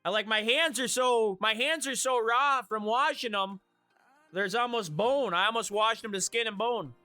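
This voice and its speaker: Chatty streamer guy, high-pitched, close dry mic. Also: normal speed, sharp tone, clean tone, no room sound, soft background music. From Michigan. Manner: chatty, laughs at his own jokes. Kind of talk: live stream chat with viewers.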